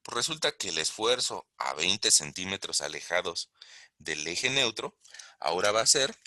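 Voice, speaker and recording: A man's voice: sits low, very animated, normal speed, sharp tone, dry recording, clean studio sound. A man giving a recorded online engineering lesson, explaining step by step and asking the class questions. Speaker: engineering lecturer. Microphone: close mic while writing on a tablet.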